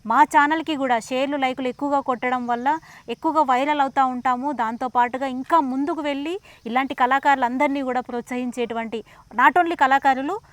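Higher-voiced woman. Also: no room sound. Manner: gentle coaxing questions, earnest pleading to camera. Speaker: interviewer and channel presenter. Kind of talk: casual interview then appeal to viewers.

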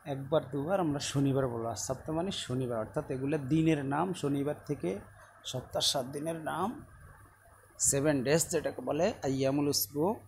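A man teaching children in a recorded lesson, repeating each word many times in a slow, patient drill. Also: on the high side, darkish tone, a little hiss or hum. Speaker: Arabic teacher.

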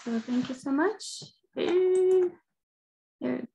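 Young woman, gravelly, slightly high, earnest presenter, video call. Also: drawn-out words, warm tone. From Ukraine. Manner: friendly, earnest, with frequent ums. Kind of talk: webinar presentation.

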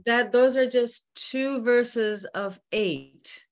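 Candid older woman on a video call. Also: on the high side. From Newfoundland, Canada. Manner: candid, halting, many restarts and fillers. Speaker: musician guest. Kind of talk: casual interview over video call. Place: bright home room by a window. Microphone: video call laptop mic.

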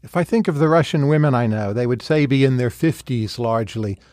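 A man's voice: mid-range voice, fairly quick, a little mellow, dry recording. Dry-voiced man asking probing questions. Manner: curious, probing, lays out observations before asking. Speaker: podcast host. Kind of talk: interview questions.

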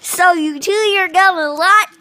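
Chin Chin, a woman doing a squeaky boastful chin creature. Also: bright, forceful tone, exaggerated voice. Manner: slow, deliberate, self-important instructions. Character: quirky little chin creature, proud and boastful. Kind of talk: comic how-to skit.

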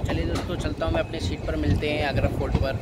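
Young male railfan vlogger, chatty and direct to camera, level delivery, loud train noise behind. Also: on the high side, little pitch movement, fast talker. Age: young adult. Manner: chatty, addresses viewers as friends. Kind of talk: casual travel vlog narration. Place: moving train and station platforms, at night. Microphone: phone held close or at arm's length. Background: loud train and station noise.

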